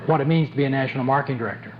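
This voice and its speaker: On dull lo-fi tape with faint background noise, a man with a medium-pitched voice fires off a rapid motivational speech at a sales conference. He is blunt and joking, hammering his main points by repeating them.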